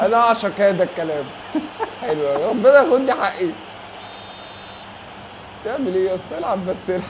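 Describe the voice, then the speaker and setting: A man's voice: sits high, animated, fast talker, background noise. A man with an Egyptian Arabic accent, playing a football video game and protesting playfully at his friend. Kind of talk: casual gameplay banter.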